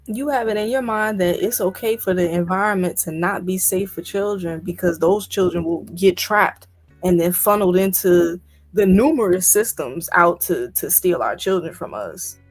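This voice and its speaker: A woman's voice: on the low side, normal speed, soft background music. A woman co-hosting a podcast discussion, talking emphatically and firing off incredulous rhetorical questions. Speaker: podcast co-host. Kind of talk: casual discussion.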